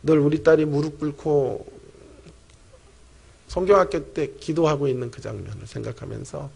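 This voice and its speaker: A middle-aged man, a pastor and professor, preaching a sermon and telling a personal story with animated storytelling, speaking straight to the congregation. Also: fairly high pitch, normal speed, gravelly, husky. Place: church sanctuary.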